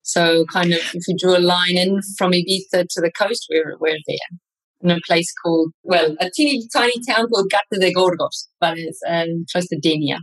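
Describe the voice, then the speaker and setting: A woman, a neuroscientist guest on an interview, talking in an animated, chatty way. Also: on the low side, moderate pace, low-quality recording. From New Zealand. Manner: animated, chatty, many fillers and restarts. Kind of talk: conversational interview.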